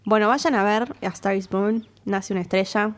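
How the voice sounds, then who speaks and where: A woman with an Argentine accent in casual chat, enthusiastic and quick to react. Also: mid-range voice, steady tone. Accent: Argentine Spanish.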